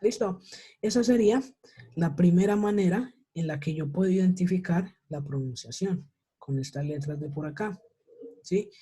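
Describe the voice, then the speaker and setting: A woman's voice: on the low side, moderate pace, dark tone, slightly rough. A woman teaching an English class over a video call, patient and checking in with her students often. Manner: patient, checks understanding with repeated questions. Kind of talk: online class lesson.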